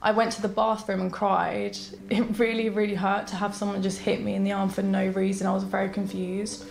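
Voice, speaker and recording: Gravelly-voiced woman, halting recollection. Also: mid-range voice, level tone, slight background noise. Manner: soft, halting, hesitant recollection. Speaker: documentary interviewee. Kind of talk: recounting personal experiences in an interview.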